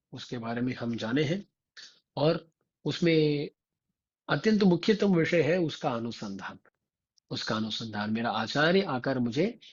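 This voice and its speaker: Slow, husky-voiced man telling a devotional tale. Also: medium pitch, lo-fi sound. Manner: slow and repetitive, often turning to the listeners with rhetorical prompts. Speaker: Vaishnava religious teacher. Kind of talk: devotional storytelling discourse.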